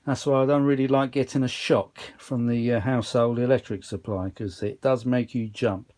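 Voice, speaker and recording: Speaking at normal speed with a steady, darkish mid-range voice, a vintage audio presenter rambles through an informal demonstration of a machine. He's enthusiastic and unscripted, working indoors at a cluttered workbench.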